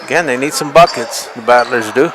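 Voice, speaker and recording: A man's voice: medium pitch, fairly quick, a bit bright. A man giving live basketball commentary in short, folksy running calls with colloquial asides. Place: indoor gym during a game. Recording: noisy live gym broadcast. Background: bouncing basketball, gym ambience.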